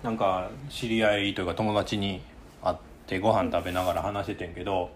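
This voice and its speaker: A man's voice: sits low, little pitch movement, brisk. A middle-aged man with a Kansai accent, chatting informally as a podcast host. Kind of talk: casual podcast chat. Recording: faint background noise.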